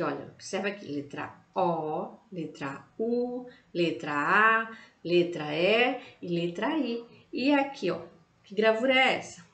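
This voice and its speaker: A Brazilian woman teaching preschoolers, drawing words out slowly to sound out each vowel. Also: medium pitch. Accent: Brazilian Portuguese. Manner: slow, drawn-out words, sounding out vowels for kids. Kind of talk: online lesson for young children. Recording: roomy, echoey room.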